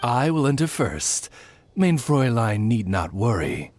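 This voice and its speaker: A man's voice: medium pitch, big pitch swings, measured pace, a little mellow, a little hiss or hum. A man voicing a courtly, devoted raven retainer, speaking formally and deferentially in a video game. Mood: solemn, devoted.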